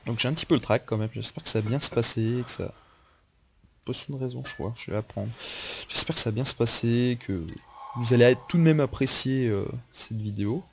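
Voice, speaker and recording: A man's voice: mid-range voice, brisk, vocal fry, slight background noise. A tired young man talking casually over a game on his headset mic, rambling and apologetic. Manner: rambling, apologetic, with self-talk. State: tired after little sleep. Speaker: gaming YouTuber. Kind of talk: casual let's-play commentary.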